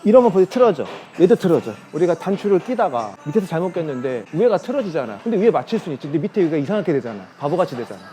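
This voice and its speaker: A man's voice: a little high, big pitch swings, rapid-fire, few pauses, dark tone, soft background music. A man working as a fitness coach, explaining gym machines in a casual, chatty way while demonstrating.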